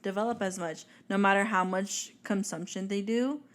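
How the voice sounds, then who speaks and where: A woman co-hosting a podcast in casual chat, mostly giving short agreeing replies and then calmly explaining a point. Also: medium pitch, normal speed. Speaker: podcast co-host.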